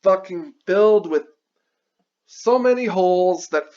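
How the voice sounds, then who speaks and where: A man's voice: high voice, animated, unhurried, darkish tone. A man giving an angry, sweary movie review, repeating himself as he rants. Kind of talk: ranting video review. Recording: dull lo-fi recording.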